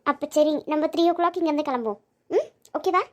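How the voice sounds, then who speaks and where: Cartoon role: woman voicing a feisty young maid, very high squeaky voice, scolds then pleads. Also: a little fast, natural voice. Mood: chatty. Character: feisty young woman housemaid, bold and quick-tempered. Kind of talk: cartoon voice acting.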